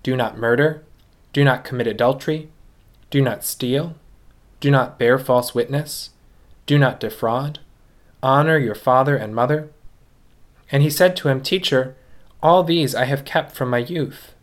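A man's voice: medium pitch, a little slow, pauses often. A man, a priest, speaking steadily at a pulpit microphone, reading the gospel and preaching a homily in a church. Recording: long church reverb.

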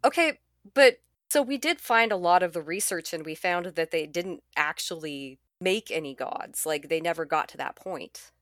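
Low-voiced, wry woman playing tabletop games. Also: lively intonation, normal speed, fairly bright tone, dry recording, clean studio sound. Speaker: tabletop game player. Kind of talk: casual game chat.

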